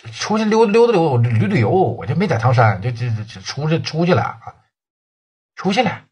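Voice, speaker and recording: A man's voice: on the high side, big pitch swings, a little fast, darkish tone, slightly rough, full character voice. A man voicing a nervous, evasive businessman who stammers and pleads.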